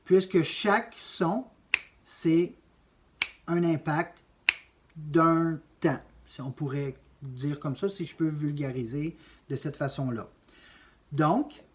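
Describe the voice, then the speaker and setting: A man's voice: fairly high pitch, a little mellow, slight background noise. A man teaching a drum lesson, explaining note values step by step and counting beats aloud. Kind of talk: music lesson.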